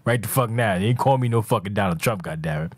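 A man's voice: on the low side, fast, breathy edge, no echo. A man hosting a casual podcast, often laughing, exasperated and swearing freely. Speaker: podcast host and league owner.

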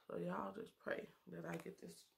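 A woman in her thirties with a lowish voice, vocal fry, and a level tone speaks at a moderate pace during a casual makeup tutorial. As a beauty vlogger, she chats and jokes with viewers while doing her makeup, close to a webcam in a small bedroom.

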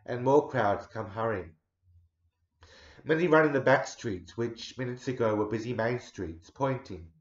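A man in his forties recites a poem with slow, deliberate care. His fairly low voice swells to loud and then sinks to a near hush. The recording is roomy and echoey, with a dull, lo-fi sound. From Australia. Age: 40s. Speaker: poetry reciter. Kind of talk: dramatic poetry recital.

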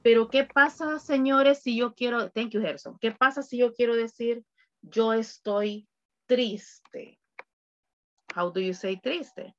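A woman's voice: fairly high pitch, slow, muffled recording. A woman teaching an online English class, switching between English and Spanish to explain grammar and drilling her students with countdowns.

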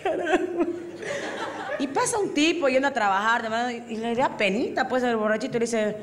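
A Bolivian woman performing an animated stand-up comedy routine, acting out drunk characters with big voice swings. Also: on the high side, brisk, a crowd in the background. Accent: Bolivian Spanish. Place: comedy stage before a live audience.

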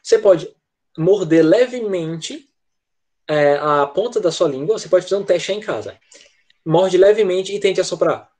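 A man's voice: high voice, lively intonation, normal speed, darkish tone. A male teacher, giving an online English lesson over a video call and patiently explaining pronunciation with frequent check-ins. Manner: patient, repeats "tá?" checks after each point.

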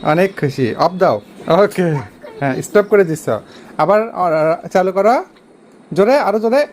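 A woman talking casually at home to viewers, gently coaxing and encouraging her small daughter. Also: on the low side, expressive, unhurried, a little hiss or hum. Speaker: mother showing her vintage cassette player. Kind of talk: casual home video narration. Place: indoors at home at night.

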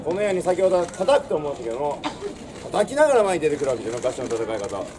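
A man's voice: on the high side, very animated, rapid-fire, distant mic. A young man giving a theatrical history lesson outdoors in old samurai speech, projecting in a swaggering, declamatory storyteller's manner. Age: young adult. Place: outdoors in front of a castle stone wall. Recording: outdoor recording with crowd, birds and traffic.

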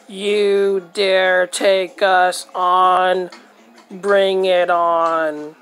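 A woman voicing a boastful, threatening alien invader in a drawn-out, deliberate delivery. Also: on the low side, little pitch movement, fairly bright tone. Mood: menacing.

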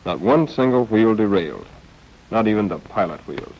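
Narrating a scripted 1940s training film, an American man speaks at a moderate pace with a lowish voice and lively intonation, keeping his humor wry and understated. The film voice-over comes through a dull, band-limited old soundtrack.

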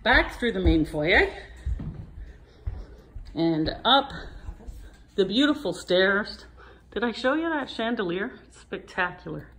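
A woman's voice: medium pitch, sing-song, takes it slowly, long pauses, fairly bright tone, a little hiss or hum. A real estate agent walking through a large house, chatting as she points out rooms and getting a little out of breath. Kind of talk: walking house tour narration.

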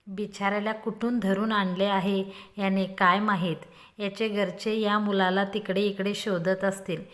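A woman's voice: mid-range voice, flat delivery, measured pace, close to an everyday voice. A woman voicing an amused, skeptical young woman with a dry manner, holding back laughter.

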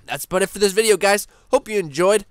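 A young man hosting a casual gaming news vlog, rambling excitedly with lots of fillers and restarts. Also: high-pitched, fast talker, clear, resonant tone, no echo, clean studio sound. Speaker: gaming channel host.

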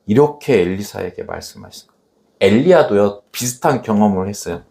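Animated man preaching with lively pitch. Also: fairly quick, gravelly. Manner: animated preaching, dramatically acting out scripture quotes. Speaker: pastor. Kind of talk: sermon. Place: church.

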